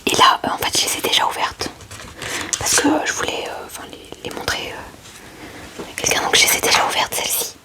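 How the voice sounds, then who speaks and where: Showing her card collection, an ASMR host whispers softly and slowly right up against the microphone, her commentary gentle and a little hesitant.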